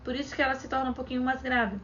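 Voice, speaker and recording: A young Brazilian woman vlogs casually to camera, chatting as she retells events and quotes what other people said. Her voice sits high and fairly bright, delivered flat and very fast. The recording sounds dull and lo-fi, with faint background noise.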